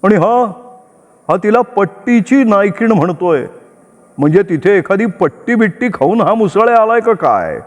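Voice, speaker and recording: A man's voice: sits high, sing-song, unhurried, voice pushed up. A man voicing a cornered doctor protesting his wife's accusations. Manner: joking, then protesting. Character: jovial doctor turned cornered husband. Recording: long reverb.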